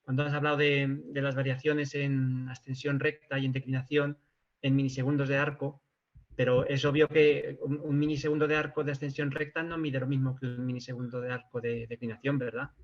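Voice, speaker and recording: A man taking part in an online course, asking a technical question haltingly and repeating words. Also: medium pitch, level tone, muffled recording. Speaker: course participant.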